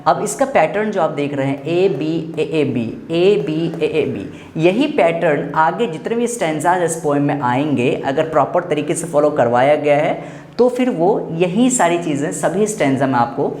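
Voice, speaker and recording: A man's voice: fairly high pitch, expressive, a little slow, darkish tone. A man with an Indian accent teaches a lesson, going over each point again and again with emphasis. He keeps nudging the listener to look carefully. His voice bounces around a reverberant room with a faint hiss underneath. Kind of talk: explanatory lesson. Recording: echoey room with faint background noise.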